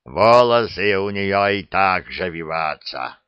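A man doing a slow, deadpan soldier. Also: sits low, clean tone, no echo. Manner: slow, flat, broken grammar. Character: dry, unflappable male soldier with broken grammar. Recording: dull dry recording.

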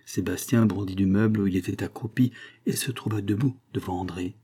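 A man reading a classic novel aloud as an audiobook narrator, in a measured, dramatic way. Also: on the low side, steady tone, mellow, breathy edge. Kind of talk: scripted narration.

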